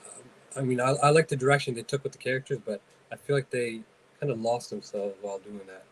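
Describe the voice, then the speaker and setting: A Canadian man co-hosting a podcast, chatting casually in a measured, hesitant way with many fillers. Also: medium pitch, steady tone, poor audio. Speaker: podcast co-host. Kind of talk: casual chat.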